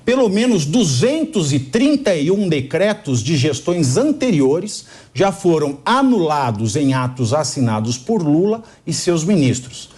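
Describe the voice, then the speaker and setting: Lively Brazilian man leading a panel. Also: on the high side, breathy edge. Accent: Brazilian Portuguese. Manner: sarcastic, interjecting. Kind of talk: political panel discussion.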